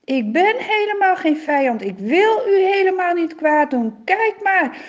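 A woman voicing a young man who calls out loudly and pleadingly to a king in a storybook tale. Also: very high-pitched, big pitch swings, a little slow, dull audio, pitched above the performer's own voice, heavily acted. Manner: pleading, emphatic.

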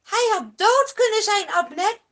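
A woman voicing a young man who shouts loudly across a valley and pleads with a king. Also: very high voice, takes it slowly, pitched above the performer's own voice, full character voice. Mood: accusing shout. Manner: loud, pleading calls.

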